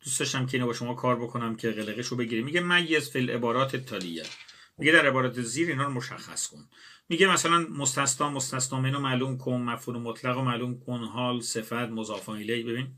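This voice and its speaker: A man's voice: mid-range voice, pushed and bright. A male teacher walking students through exam exercises, asking questions and answering them himself. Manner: addresses students directly, asks and answers his own questions. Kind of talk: exam-prep grammar lesson.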